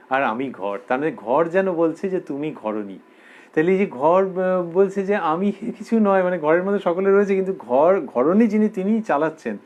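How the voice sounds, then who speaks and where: A man giving a spiritual discourse as a religious lecturer, explaining slowly and repeating quoted verses for emphasis. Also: a little high, darkish tone.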